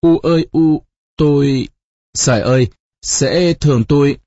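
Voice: mid-range voice, sing-song, moderate pace, dark tone, breathy edge, dry recording, dull audio. A narrator voicing a frightened young village daughter who stammers and pleads.

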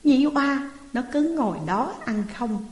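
A cruel, scheming sister-in-law from a spoken folk tale, read by a woman, harsh and scolding. The voice sits slightly high. It rings out with long, roomy reverb. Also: expressive, unhurried, a little mellow.

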